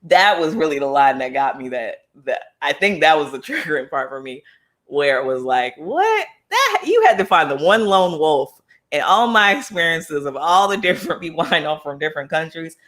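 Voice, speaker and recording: His voice a little high, a man from the United States hosts an informal book club talk. He reasons aloud with many fillers and false starts, moving between enthusiasm and quiet, thoughtful breaks.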